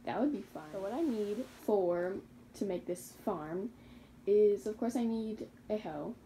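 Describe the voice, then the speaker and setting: A young woman talks through her survival game in a relaxed, rambling way, stopping to fix her own slips of the tongue. Her voice is warm and mellow. There is a faint hiss under the recording. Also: medium pitch, measured pace, low-quality recording. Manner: chatty and rambling, with self-correcting slips and laughs. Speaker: gaming YouTuber. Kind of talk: casual Minecraft gameplay commentary.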